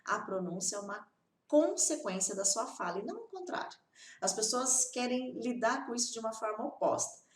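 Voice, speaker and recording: A woman's voice: on the high side, animated, normal speed, far from the mic. Emphatic woman teacher in a roomy space. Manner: emphatic, repeats tag questions like "tá?" and "né?". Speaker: English teacher. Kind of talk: teaching video, direct address.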